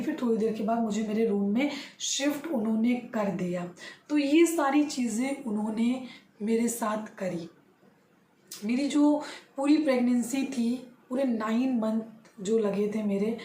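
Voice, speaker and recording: A woman's voice: on the high side, dark tone. A young woman vlogger telling her own story in an earnest, aggrieved way, as casual personal narration. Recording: echoey room with faint ambient noise.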